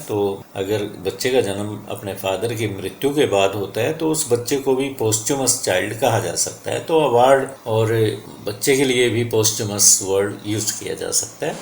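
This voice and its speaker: Indian-accented male teacher, deliberate bilingual lesson pace, roomy echo. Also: fairly low pitch, slight background noise. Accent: Indian English. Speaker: English teacher. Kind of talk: vocabulary lesson.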